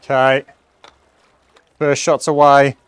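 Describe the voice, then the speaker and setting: A man's voice: medium pitch, monotone, slow pace, clean tone. A man giving a casual hands-on review, chatting and reacting aloud as he plays. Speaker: product reviewer.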